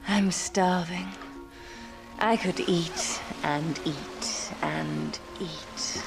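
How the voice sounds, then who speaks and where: Brief: actress as a hungry, menacing temptress, unhurried delivery, music underneath. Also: female voice, fairly low pitch, fairly even intonation. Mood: sultry. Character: seductive, hungry woman, eerily changed. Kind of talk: audio drama.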